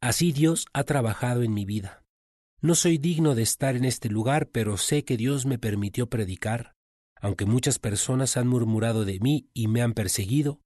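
A man's voice: medium pitch, a little mellow, no room sound. Earnest male preacher, dry sound. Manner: earnest storytelling. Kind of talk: sermon.

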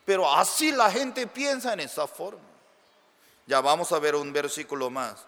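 A man preaching as a pastor, slow and emphatic with sudden loud rises. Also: fairly high pitch, lively intonation, long reverb tail. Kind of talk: sermon.

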